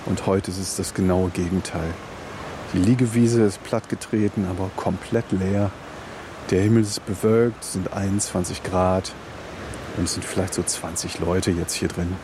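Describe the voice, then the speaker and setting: A man giving measured, matter-of-fact and reflective observations of the scene around him outdoors. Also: low-pitched, little pitch movement. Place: outdoors at a public pool. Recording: noisy outdoor location recording. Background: outdoor ambience with clear noise.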